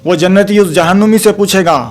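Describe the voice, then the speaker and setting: A man delivers a religious talk for a recorded video in a fairly high voice for a man. His preaching is emphatic, with slow, measured recitation of Arabic verses and frequent exclamations of praise. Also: steady tone. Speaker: Islamic preacher.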